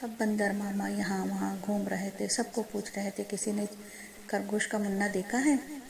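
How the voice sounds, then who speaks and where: A woman narrating a children's story slowly and gently, speaking to the children. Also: medium pitch, fairly even intonation, vocal fry. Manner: slow, gentle, addressing children.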